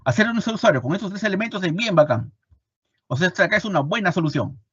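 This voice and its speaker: A man with a Peruvian Spanish accent teaching an online class, animated and repeating his points with rhetorical questions. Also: sits high, quick pace, slightly rough, dry recording, highs cut off. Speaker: instructor. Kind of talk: online lecture.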